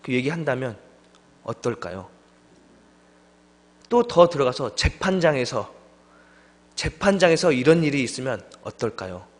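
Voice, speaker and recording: Young man preaching, lively up-and-down voice, long church-hall reverb. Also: mid-range voice, a little slow, pauses often. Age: young adult. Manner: lively storytelling, acts out friends' voices. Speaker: junior pastor. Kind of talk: sermon. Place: church sanctuary.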